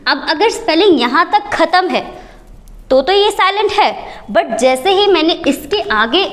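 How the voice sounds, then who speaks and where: A woman's voice: very high voice, lively intonation, a little slow. A woman teaching an English lesson at a board, spelling out letters one at a time and asking questions she then answers herself. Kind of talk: whiteboard lesson.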